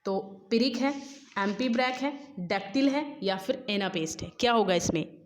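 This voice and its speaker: Fairly high-pitched woman teaching, quizzing. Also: lively intonation. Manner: quizzing, repeats answers, reads questions slowly. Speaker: English exam teacher. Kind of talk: Hindi-English exam lesson.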